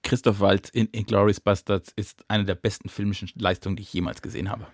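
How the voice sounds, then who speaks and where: A young man co-hosting a podcast, teasing his partner in quick casual banter. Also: lowish voice, fairly even intonation, dry recording, clean studio sound. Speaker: podcast co-host. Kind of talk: casual chat. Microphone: studio mic.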